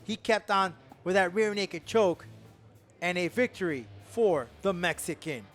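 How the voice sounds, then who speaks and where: A man's voice: sits high, unhurried, a bit bright. A man giving live play-by-play commentary on mixed martial arts fights. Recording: faint music and crowd behind.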